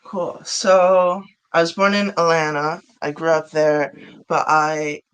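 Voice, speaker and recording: A man's voice: a little high, flat delivery, takes it slowly, fairly bright tone, smooth. A man from Chicago, a guest artist and rapper, chatting casually in an interview with frequent giggles.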